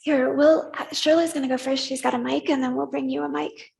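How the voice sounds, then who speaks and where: A woman leading a congregation in worship, gently inviting them to repeat words back to her. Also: high voice, steady tone, a little fast, creaky, slight background noise, poor audio. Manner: gentle, inviting, leads call-and-response. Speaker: service leader. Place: church sanctuary.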